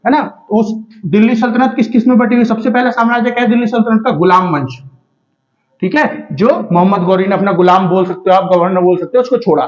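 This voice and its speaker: A man teaching a casual history lesson for exam students, asking himself questions and answering them, checking in with listeners often. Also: sits high. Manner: rhetorical questions answered himself, frequent checks like "theek hai". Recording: dull lo-fi recording.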